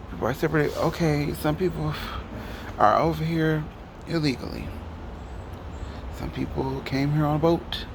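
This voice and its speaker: A Detroit vlogger from Michigan, with a Detroit accent, rants his opinions straight to the camera in a heated, rambling way. His voice is gravelly and on the high side, with noisy background.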